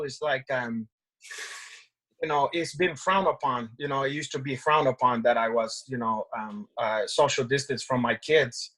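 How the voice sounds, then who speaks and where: A man's voice: mid-range voice, a bit bright, close to an everyday voice, poor audio. A middle-aged man playing a boastful, crude fighting legend, stumbling and rambling as he takes callers on a video call. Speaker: show host taking callers.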